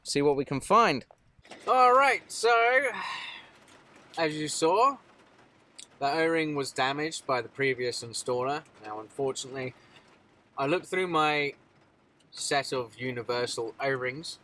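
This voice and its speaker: A man's voice: on the high side, measured pace, pauses often, sharp tone. A man in his thirties, a mobile mechanic, casually explaining a repair to a phone camera, matter-of-fact with many fillers. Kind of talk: casual work vlog narration. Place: van cab and outdoors at a vehicle in rain. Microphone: phone camera held at arm's length.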